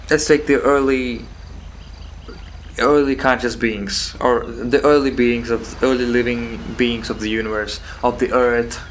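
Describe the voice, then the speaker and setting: A man of medium pitch thinks aloud in a solo philosophical monologue. He moves haltingly, repeating phrases and posing questions to himself. Faint background noise with crickets and insects sits behind his voice. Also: a bit bright, rough recording. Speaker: solo host of a philosophical talk.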